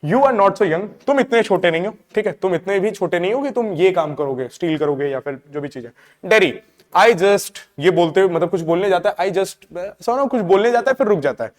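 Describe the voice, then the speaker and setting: High-voiced male teacher in an echoey room. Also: animated. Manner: reads English lines slowly, then explains in Hindi; frequent checking fillers. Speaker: English teacher. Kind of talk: line-by-line lesson explanation.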